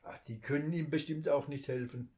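A man's voice: on the high side, fairly even intonation, brisk, a little mellow, voice pushed up, lightly acted. A man reading a storybook and voicing a grumbling young boy who complains a lot. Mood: worried. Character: grumpy young boy, older brother.

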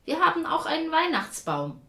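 Lady putting on a sunny carefree granny, lively up and down, kinda roomy sound. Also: high voice, moderate pace, vocal fry, pitched above the performer's own voice, heavily acted. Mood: cheerful. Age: older. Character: cheerful carefree grandmother on holiday. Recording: roomy echo.

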